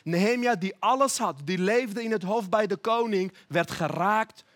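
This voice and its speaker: High-voiced earnest male preacher. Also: a bit bright. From Armenia. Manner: earnest, emphatic, slows down and rises in prayerful appeals. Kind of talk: sermon.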